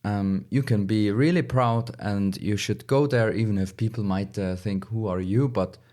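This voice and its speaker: A man giving casual advice in conversation, in halting, phrasing. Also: fairly low pitch, dark tone. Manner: halting, non-native English phrasing.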